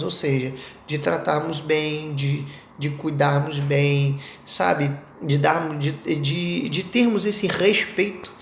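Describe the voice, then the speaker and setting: A man's voice: sits high, creaky. A young Brazilian man teaching a Sunday school Bible lesson, chatting with the class and asking it rhetorical questions. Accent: Brazilian Portuguese. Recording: echoey room with faint noise.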